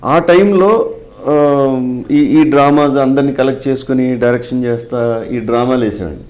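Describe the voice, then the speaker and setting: A man's voice: medium pitch, moderate pace, a little mellow, low-quality recording. A middle-aged man, a mimicry artist, answering interview questions and telling stories from his career while slipping English phrases into his talk. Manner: explanatory, mixes in English phrases.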